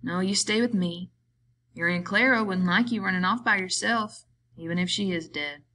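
A woman voicing a gruff, quick-tempered grown man, a ranch hand with rough rural drawling speech. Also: medium pitch, bright, forceful tone, a little hiss or hum, close to an everyday voice. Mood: gruffly softening.

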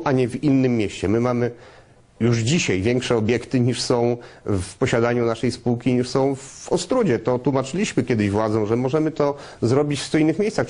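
A man speaks as a business guest in a television interview. His voice sits at a medium pitch. He builds his answers haltingly, addressing the viewers directly in a promotional way. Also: a little mellow. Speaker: interview guest, trade fair business executive.

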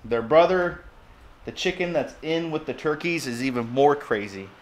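At a normal speed and a fairly high pitch, an American man in his thirties chats casually to camera, folksy and colloquial, in the role of a homestead vlogger. The setting is outdoors in a yard and inside a garage, with background noise, wind outside, and birds audible.

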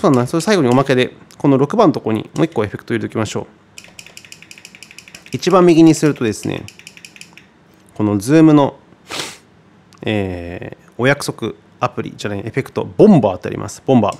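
A man teaching guitar in a relaxed tutorial, chatty and thinking aloud with many fillers. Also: mid-range voice, fairly quick, vocal fry, long pauses. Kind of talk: casual tutorial explanation.

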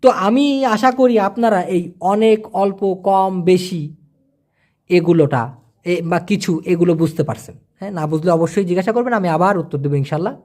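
A man's voice: sits high, normal speed, a little mellow. A man, teaching a casual language lesson, repeating words and quizzing the listener. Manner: chatty, repeats words and asks the listener questions.

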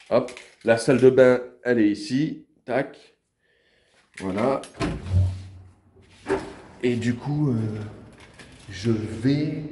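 A man's voice: medium pitch, darkish tone, slight background noise. A young man vlogging casually as he walks through an apartment building, talking straight to the viewer with many fillers and restarts. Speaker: travel vlogger. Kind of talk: casual vlog tour.

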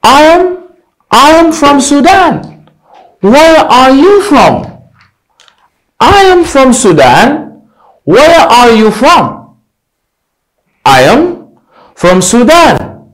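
A young man teaching an English lesson at a whiteboard, repeating drill phrases slowly and emphatically, on a lapel mic. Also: very high voice, very animated, low-quality recording. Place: indoor studio in front of a whiteboard.

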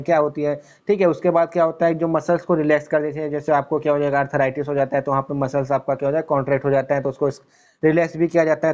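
A man with a fairly high, mellow voice teaches pharmacy exam questions. He reads the question slowly, then explains it fast, asking himself questions as he goes. The sound is a little dull and lo-fi. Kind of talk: exam-prep lecture explaining multiple-choice answers.

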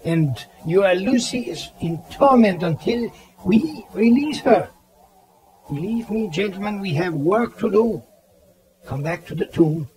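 A man playing a grave, authoritative elderly professor who hunts vampires, speaking deliberately and theatrically in an audio drama. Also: high-pitched, lively intonation, darkish tone, rough recording. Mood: stern, commanding. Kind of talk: dramatized audio play acting. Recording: 1979 cassette audio drama, background bustle.

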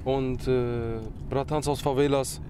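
A man in his twenties, a guest rapper, talking in a quick, eager and slangy way inside a car. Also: medium pitch, level tone, a loud crowd. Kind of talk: casual chat. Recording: loud road noise in a moving car.

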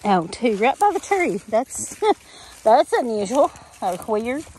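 Here a middle-aged woman vlogs her homestead, chatting and laughing freely with many fillers as she films with a handheld camera on a walk through the woods behind the farmhouse. Her voice is a little high and darkish, swinging widely in pitch at a slow pace, and the poor audio has some hiss or hum.

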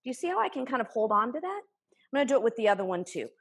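In her home kitchen, a woman in her forties runs a live cooking demonstration, enthusiastically explaining each step as she chops. Her high-leaning, slightly rough voice is sing-song and very fast, picked up by a camera a few feet away.

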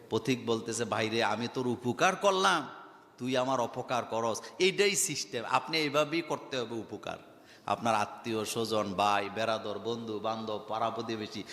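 A man's voice: fairly low pitch, a bit bright. Brief: male preacher, emphatic, quizzing the crowd, roomy hall echo. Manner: emphatic, rhetorical questions to the audience. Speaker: Islamic preacher. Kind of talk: Bengali waj sermon. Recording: echoey hall reverb.

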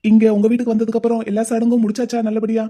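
A woman's voice: fairly high pitch, monotone, racing, warm tone, natural voice. A woman voicing a caring, playful young man in a cartoon, coaxing and teasing his crying older sister in a chatty way. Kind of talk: Tamil cartoon voice acting.

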